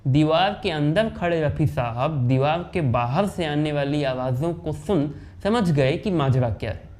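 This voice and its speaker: A man with a mellow, warm tone and a slightly high voice tells an anecdote in a dramatic storytelling style. He shifts his voice whenever he quotes someone. The delivery is that of a narrator holding a listener's attention. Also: lively intonation, measured pace. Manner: dramatic, voices quoted characters with pitch swings. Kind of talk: anecdote narration with acted dialogue.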